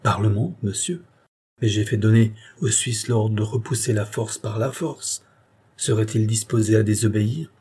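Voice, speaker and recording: A man's voice: moderate pace, dark tone, husky. A man reading aloud, voicing a proud, frightened queen who speaks haughtily and indignantly. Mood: haughty. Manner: haughty, indignant, rising pitch.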